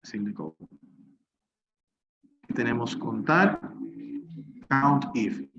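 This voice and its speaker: Male instructor, mid-pitched, explains each step as he works, on a slightly dull, lo-fi recording. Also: sing-song, slow pace, over music. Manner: talks through steps while working on screen. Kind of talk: recorded spreadsheet class. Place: recorded online class.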